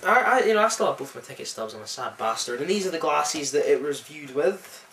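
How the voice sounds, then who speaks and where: A young Scottish man reviewing a film in casual chat, enthusiastic and rambling with lots of restarts, recorded in a friend's flat. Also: fairly high pitch, a little fast. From Scotland. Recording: roomy, mic at a distance.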